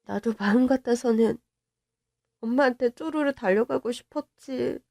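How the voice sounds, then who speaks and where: High-voiced woman narrating a story. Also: normal speed, vocal fry, mellow, dry recording, studio quality. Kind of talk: first-person story narration.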